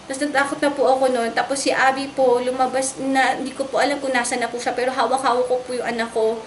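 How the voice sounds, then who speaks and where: Young woman interviewee, high voice, earnest and polite, emotional testimony in a roomy space. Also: level tone, quick pace. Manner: earnest and polite, re-enacting her own frightened shouts. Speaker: interviewee recounting a raid on her home. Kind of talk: emotional first-person testimony. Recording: roomy echo with faint background noise.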